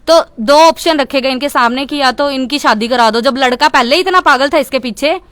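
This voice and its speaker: A young woman from Chandigarh talks to the press in a high voice, firm and indignant as she presses her case. The sound is dry and close, with no room around her. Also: fairly quick, a bit bright, dry recording. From Chandigarh, India. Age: young adult. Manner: indignant, insistent, keeps repeating "okay". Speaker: interviewee speaking to media. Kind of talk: heated media interview.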